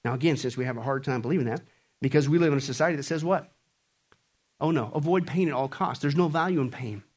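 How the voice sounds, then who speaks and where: A man from Kansas preaching a sermon, talking casually and asking the audience questions, rising to loud peaks and then dropping to quiet asides. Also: medium pitch, quick pace, breathy edge. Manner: animated, swings from shouting peaks to hushed asides; conversational, asks the audience rhetorical questions. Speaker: pastor.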